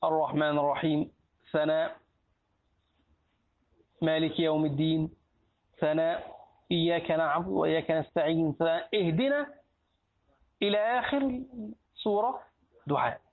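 A man's voice: fairly high pitch, steady tone, moderate pace, long pauses. A man teaching a lesson on Islamic law in colloquial Egyptian Arabic, asking his students questions and answering them himself. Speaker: sheikh teaching a hadith book. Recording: tinny lo-fi phone-like recording.

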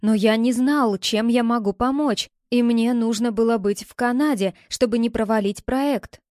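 A woman's voice: on the high side, moderate pace, a little mellow, dry recording, clean studio sound, close to an everyday voice. A woman reading as a pleading ex-boyfriend. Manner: pleading, then curt and defensive. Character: young man, tense pleading ex-boyfriend. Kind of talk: audiobook character reading.

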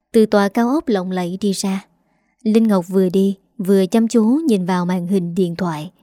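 A woman calmly narrating an audiobook story in an even reading voice. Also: mid-range voice, dry recording, studio quality.

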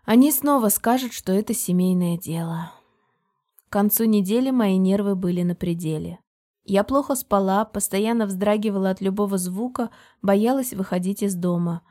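A woman narrating a novel in the first person, in a steady, measured storytelling manner. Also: medium pitch. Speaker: audiobook narrator.

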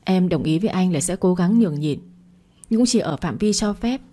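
A woman reading the part of a young wife in an audio story, calm and reasoning. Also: fairly low pitch, fairly quick. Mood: firm.

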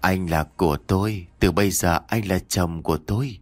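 A man's voice: deep voice, normal speed, no echo. Man voicing a vengeful young female ghost, possessive and menacing, in a spoken ghost story.

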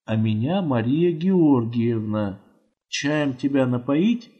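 A man's voice: mid-range voice, lively intonation, takes it slowly, breathy edge, highs cut off. A man reading an audiobook, voicing a weary, grumbling old woman. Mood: softened. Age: older. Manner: grumbling, tired.

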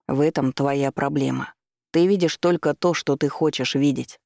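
A man's voice: mid-range voice, steady tone, moderate pace, creaky, a little mellow, no room sound, clean studio sound, lightly acted. A man voicing a blunt, irritated young man who speaks in a curt, dismissive way.

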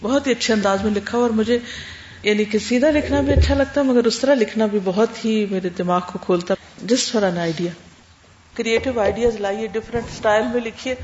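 A woman's voice: on the high side, a little mellow. A woman teacher lecturing her class, explaining points in short lists and rhetorical questions. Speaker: religious studies teacher. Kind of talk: classroom lecture answering students. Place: lecture room. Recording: roomy classroom, dull sound, faint hum.

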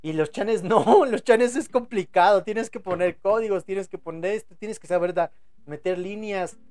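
A man's voice: high voice, normal speed, darkish tone. A young Mexican man hosting a live podcast in casual, rambling chat, full of crude slang, stuttered repeats and restarts. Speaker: podcast host.

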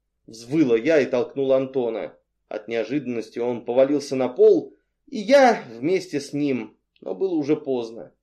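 A man reading an audiobook as a narrator in a dramatic, lively storytelling manner. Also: medium pitch. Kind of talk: scripted narration.

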